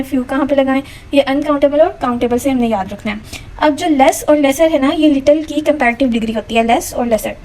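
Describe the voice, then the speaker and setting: High-voiced woman teaching grammar. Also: darkish tone, low-quality recording. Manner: patient, step-by-step, reads examples slowly. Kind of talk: explaining a lecture.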